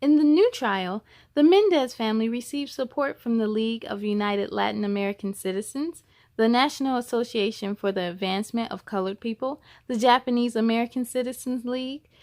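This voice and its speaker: Reading aloud from a children's picture book, this fairly high-pitched host delivers the story deliberately and with plenty of expression.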